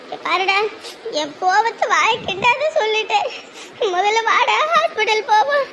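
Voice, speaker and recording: A village mother, cartoon, lamenting and scolding, very high voice, faint hiss behind. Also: expressive, normal speed, fairly bright tone. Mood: pleading. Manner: lamenting, scolding, rural Tamil speech. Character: anxious thrifty village mother, fierce when scolding.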